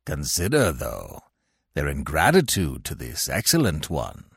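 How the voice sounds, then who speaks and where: A fawning, sly jackal, as a man puts him on, dropped much lower and quieter than the narration. He creeps through his flattery slowly in a gravelly murmur. The voice sits close in a dry space. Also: no room sound, full character voice. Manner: low, soft, wheedling.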